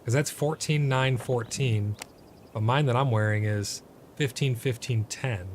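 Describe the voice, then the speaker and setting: A man's voice: mid-range voice, a little slow, a little hiss or hum. Exasperated man narrating his game. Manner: exasperated, swears at bad luck. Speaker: gameplay streamer. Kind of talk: casual gameplay commentary.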